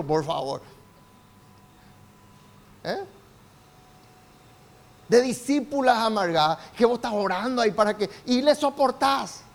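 An older man with a Rioplatense Spanish accent, a pastor preaching a sermon with rising, shouted emphasis and calls for amen. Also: extremely high pitch.

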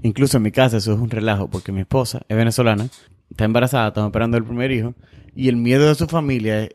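A man co-hosts the interview, talking quickly. His manner is joking and conversational. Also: medium pitch, a little mellow, no room sound.

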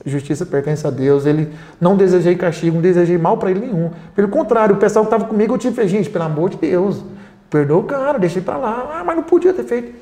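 Fast-talking earnest man, roomy sound. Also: sits high, mellow. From Brazil. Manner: earnest, retells scenes with quoted dialogue. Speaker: founder of a charity for homeless people. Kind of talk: interview storytelling. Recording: roomy echo.

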